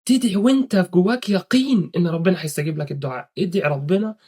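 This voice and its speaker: A man's voice: high-pitched, quick pace, warm tone, husky. A young man with an Egyptian Arabic accent giving earnest casual advice to viewers, often swearing oaths. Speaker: religious advice speaker.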